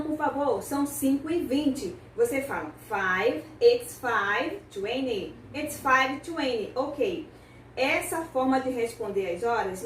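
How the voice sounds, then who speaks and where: A woman teaching an online language lesson, slowly and carefully modeling English phrases for her students. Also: sits high, slight background noise. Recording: echoey room, mic at a distance.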